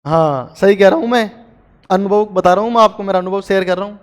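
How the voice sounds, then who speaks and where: A man's voice: high voice, brisk, in a large hall. A man teaching a grammar lesson to a class, chatty and joking with his students between explanations.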